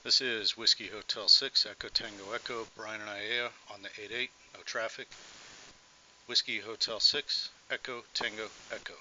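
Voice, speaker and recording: A man's voice: on the low side, steady tone, normal speed, sharp tone. A man checking in on a ham radio net, reciting his call sign in the phonetic alphabet over the air. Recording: muffled radio transmission with faint hiss.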